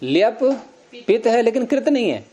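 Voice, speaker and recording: Questioning Sanskrit grammar teacher, mellow voice. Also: male voice, very high-pitched, very animated, unhurried. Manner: explains step by step, quizzing students with questions. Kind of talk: classroom lecture.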